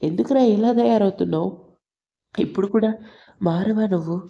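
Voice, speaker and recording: A woman voicing an older mother who loudly scolds her hot-tempered grown son. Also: medium pitch, moderate pace, creaky, muffled recording, natural voice. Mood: scolding. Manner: loud, scolding.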